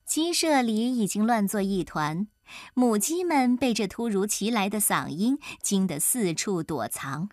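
A woman narrating a children's story in an expressive, animated way. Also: mid-range voice, measured pace, no echo, studio quality.

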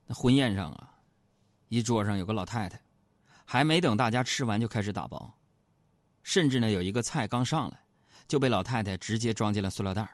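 A man's voice: on the low side, a little fast, pauses often, no echo. A young man with a Northeastern Mandarin accent performing a chatty comic storytelling monologue and acting out the characters. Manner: chatty, animated, acts out characters. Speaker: stand-up comedian.

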